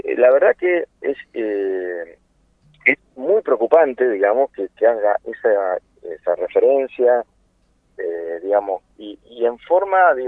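A man's voice: lowish voice, dry recording. A man around sixty with an Argentine accent, speaking earnestly as a guest in a political interview, with many hesitations and rhetorical questions. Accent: Argentine Spanish. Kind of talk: impassioned political phone interview. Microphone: telephone. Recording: tinny dry phone line.

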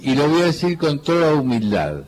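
A man from Cuyo, Argentina, with a Cuyo Argentine accent, a folk guitarist telling stories in a relaxed conversation and quoting others as he goes. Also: a little high. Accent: Cuyo Argentine Spanish. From Cuyo region, Argentina. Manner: unhurried storyteller who quotes others and hums lines. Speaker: folk guitarist and singer, interview guest.

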